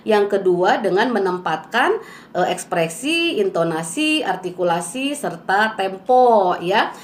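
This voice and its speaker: A woman's voice: mid-range voice, echoey room. A woman teaching how to read poetry aloud, explaining step by step with patient rhetorical questions and frequent "eh" fillers. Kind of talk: poetry reading lesson.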